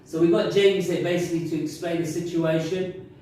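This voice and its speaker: A male interviewer nudges his guest along with quick, plain questions. His voice is slightly high for a man and heavily echoey, picked up from a distance with a faint hum of ambience behind. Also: steady tone, warm tone. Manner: short prompting questions. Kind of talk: casual interview. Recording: very echoey room from far off.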